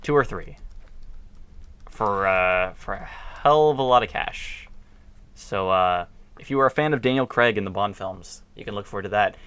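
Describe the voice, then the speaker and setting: A male podcast co-host trading wisecracks in an easygoing chat from a home basement. His voice is low, and his humor is dry and teasing. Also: normal speed, fairly bright tone, clean tone. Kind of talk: casual chat.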